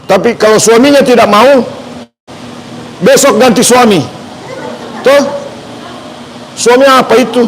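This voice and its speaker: Joking high-voiced Indonesian massage therapist. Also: male voice, measured pace, long pauses, a little hiss or hum, rough recording. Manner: joking, chatty, repeats instructions. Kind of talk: live-streamed massage demonstration.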